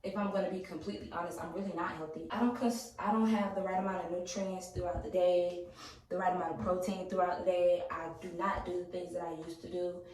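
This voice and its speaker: A young woman vlogging at home, talking candidly with lots of fillers, sometimes dropping to a hushed voice. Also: on the low side, flat delivery, fast. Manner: candid, rambling, filler-heavy talk; hushed, half-whispered at times. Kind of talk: casual vlog narration. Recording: echoey room, mic at a distance.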